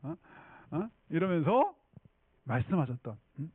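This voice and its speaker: A man's voice: fairly high pitch, very animated, unhurried, breathy edge, dry recording. A male pastor preaching a sermon in a chatty storytelling way, often checking in with the congregation. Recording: tinny phone-like dry sound.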